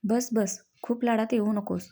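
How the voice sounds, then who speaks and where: A woman's voice: a little high, fairly even intonation, a little slow, dark tone. A woman voicing a grumbling but fond older brother in a read-aloud story. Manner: gruff, scolding.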